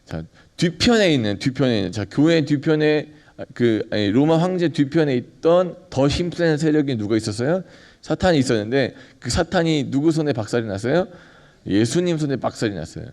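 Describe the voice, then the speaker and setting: Pastor, male, mellow tone, chatty sermon with questions to the congregation. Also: medium pitch, animated, a little fast. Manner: conversational preaching, asks the congregation questions and acts out dialogue.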